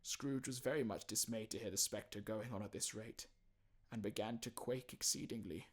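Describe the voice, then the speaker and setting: A man's voice: fairly low pitch, steady tone, moderate pace. A man reading scripted literary narration as an audiobook narrator and actor.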